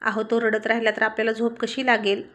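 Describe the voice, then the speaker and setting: A woman's voice: fairly high pitch, completely flat delivery, brisk, fairly bright tone, lightly acted. A woman voicing a tired, fond young wife. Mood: weary. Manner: laughing, fondly scolding.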